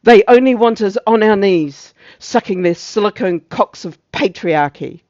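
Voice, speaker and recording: Man performing a self-righteous police officer, emphatic stage oratory, satirical, higher-pitched male voice, muffled sound. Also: normal speed, dry recording, lightly acted. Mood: indignant zeal. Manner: declamatory, preachy, emphatic speechifying. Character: pompous, zealous gender-policing officer preaching moral outrage.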